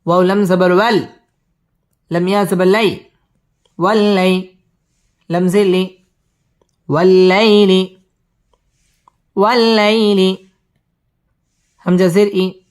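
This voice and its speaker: A man teaching Quran recitation: he spells each word letter by letter, recites it slowly and drawn out, and explains the pronunciation rules quickly in between. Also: high-pitched, flat delivery.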